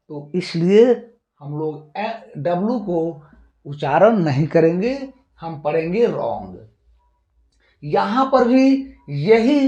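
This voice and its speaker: A woman's voice: mid-range voice, a little mellow. A woman teaching English pronunciation rules who repeats each rule and poses questions she then answers herself. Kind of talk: classroom-style pronunciation lesson. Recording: echoey room.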